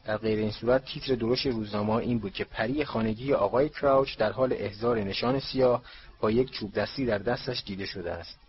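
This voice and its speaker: A man's voice: fairly low pitch, muffled recording, a little hiss or hum, close to an everyday voice. A man voicing a tired, irritated middle-aged wizard father. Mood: weary. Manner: weary, irritated.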